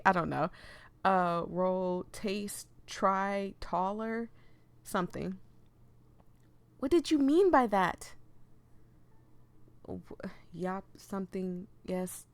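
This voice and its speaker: Hosting a relaxed gaming video, this woman reads on-screen text aloud and keeps breaking off mid-sentence to apologize to her viewers. She speaks at a medium pitch with no room sound.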